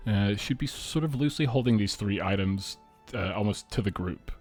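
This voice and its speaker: Low-voiced game master narrating a tabletop session, relaxed and filler-heavy. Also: male voice, moderate pace, faint music behind.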